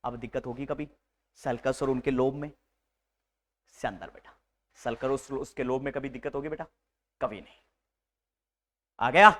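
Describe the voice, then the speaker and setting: A man teaching a live nursing class to a room of students, lively and teasing, mixing English medical terms into his speech. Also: medium pitch, a little slow, long pauses. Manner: animated, teasing, mixes Hindi with English terms.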